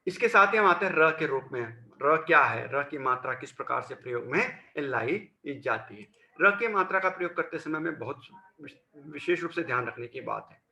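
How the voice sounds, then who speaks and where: A male teacher giving a patient lesson to children, repeating and spelling out each sound slowly. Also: fairly high pitch, lively intonation, gravelly, sharp tone, echoey room. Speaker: school teacher. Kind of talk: classroom lesson on Hindi grammar.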